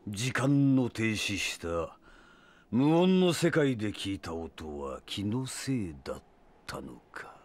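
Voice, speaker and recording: A man voicing an arrogant, sadistic male vampire villain in an audio drama, with theatrical, menacing, drawn-out delivery. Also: lowish voice, sing-song, a little mellow. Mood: cold, gloating. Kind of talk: Japanese anime-style audio drama acting.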